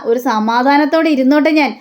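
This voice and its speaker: A woman's voice: high voice, fairly quick, natural voice. A woman voicing a stressed grown son who pleads with his mother for peace. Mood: exasperated. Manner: exasperated, pleading.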